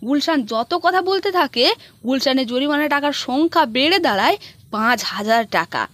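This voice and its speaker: Animated woman narrating a movie recap. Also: high voice, moderate pace.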